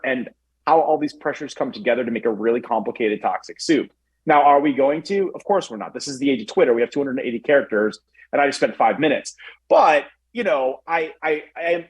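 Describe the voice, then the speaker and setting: A man's voice: mid-range voice, slightly rough, rough recording. A man talking casually on a talk show, telling stories with lots of fillers and acting out what people said. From Chicago area. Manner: animated storytelling with acted-out quotes, many fillers. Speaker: guest commentator.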